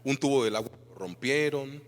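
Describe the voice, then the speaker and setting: A man's voice: mid-range voice, normal speed. A male pastor from Colombia with a Colombian Spanish accent, preaching a sermon and putting rhetorical questions to his congregation. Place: church hall. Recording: reverberant church hall.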